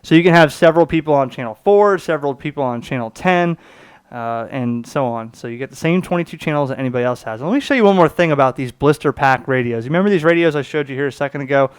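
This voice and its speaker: This fast-talking man has a smooth voice that runs a little high. Demonstrating a gadget casually as a product reviewer, he explains in a conversational way, poses his own questions, and regularly asks "okay?"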